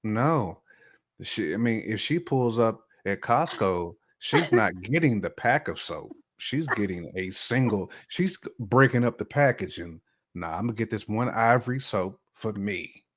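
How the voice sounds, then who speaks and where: Speaking a little slowly in a lowish, expressive voice, an American man co-hosts a laid-back relationship talk show. He states his opinions emphatically, circles back to the same points, and performs quotes he imagines people saying.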